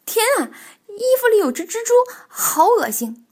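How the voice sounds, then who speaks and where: A woman voicing a big, timid female rabbit in a children's storybook, with a raised, excitable voice. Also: measured pace. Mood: panicked. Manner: high, excitable, easily flustered.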